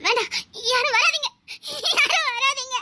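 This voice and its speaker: A woman's voice: very high-pitched, moderate pace, sharp tone, heavily acted. A woman playing a sobbing young woman in despair. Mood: tearful pleading. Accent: Tirunelveli Tamil. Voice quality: tearful pleading. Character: heartbroken young woman set on ending her life.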